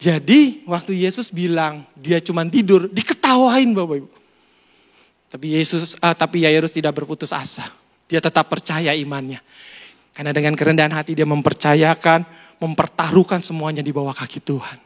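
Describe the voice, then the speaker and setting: A man preaching a sermon to a church congregation, talking in a lively, conversational way with rhetorical questions and jokes. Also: fairly high pitch, normal speed. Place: church hall during a Sunday service. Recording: long church-hall reverb.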